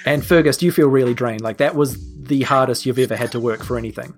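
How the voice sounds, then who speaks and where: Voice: medium pitch, quick pace, faint music behind. A game master casually narrating a tabletop game and explaining the rules.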